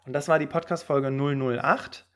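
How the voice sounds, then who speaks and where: A man hosting a podcast as a career coach, giving job-interview advice in a lively, direct way with fillers. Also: mid-range voice, moderate pace.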